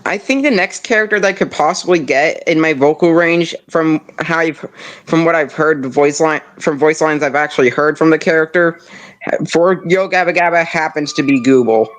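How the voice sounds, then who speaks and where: Casual streamer, rambling, medium pitch, lots of restarts. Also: moderate pace. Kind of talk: casual live-stream chat.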